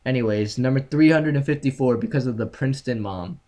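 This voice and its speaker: A man's voice: mid-range voice, a little fast, mellow. Young male podcast host, profane and ranty, home mic on a call. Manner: profane, ranting, reads items off a list. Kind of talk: casual podcast banter.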